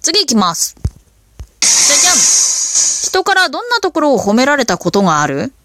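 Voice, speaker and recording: A woman hosting a casual solo talk, telling stories in an animated, chatty way with lots of fillers. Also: high voice, moderate pace, a little hiss or hum. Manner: animated storytelling with impressions. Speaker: podcast host.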